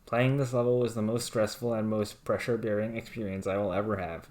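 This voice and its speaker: A man with a low voice reads written rants aloud. His delivery stays deadpan and monotone, as if reciting plain text. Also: brisk.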